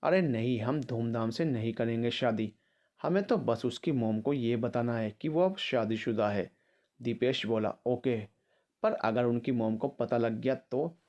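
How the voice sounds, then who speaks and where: A man narrating a written family story, reading all the characters' lines himself in a mostly even voice. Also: medium pitch, a little slow, dull audio.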